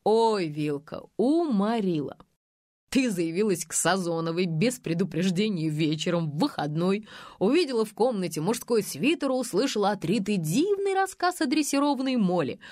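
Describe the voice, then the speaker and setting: A woman's voice: mid-range voice, big pitch swings, a little fast, darkish tone, dry recording, studio quality, natural voice. A woman reading a teasing, laughing male friend who mocks the narrator. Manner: teasing and mocking.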